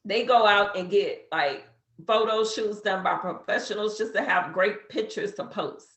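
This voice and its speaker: Unhurried and fairly bright, a mid-range female voice belongs to a business coach in her fifties who teaches social media. In a roomy-sounding clip, she walks a beginner through an app step by step in a chatty way, using fillers.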